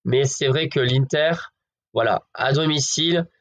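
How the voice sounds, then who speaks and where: Speaking at a measured pace in a mid-range voice, a man chats casually through his football betting predictions. He addresses viewers like friends and leans on plenty of fillers to hedge his picks.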